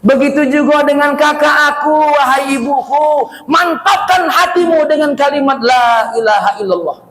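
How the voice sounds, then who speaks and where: A man's voice: very high-pitched, fairly bright tone, pitched above the performer's own voice. A man voicing a miraculous talking infant who urges his mother solemnly, in an echoey hall. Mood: solemn urging. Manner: slow, solemn, urging. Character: miraculous talking infant boy, calm, comforting. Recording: echoey hall, faint ambience.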